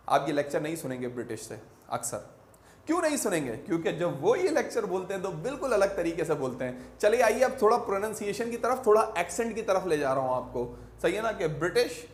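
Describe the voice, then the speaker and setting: A man teaching an English grammar lesson, switching between Urdu and English and drawing out each English example slowly, word by word. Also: high-pitched. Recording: echoey room.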